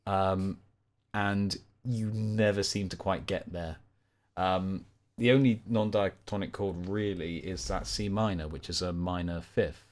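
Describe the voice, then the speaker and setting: Low-pitched man co-hosting a songwriting podcast. He talks casually about chords and melodies, often laughing at himself. He sometimes slips into silly voices for the doubts in his head. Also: fairly even intonation, measured pace. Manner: laughs often, self-deprecating, puts on silly inner voices. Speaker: podcast co-host.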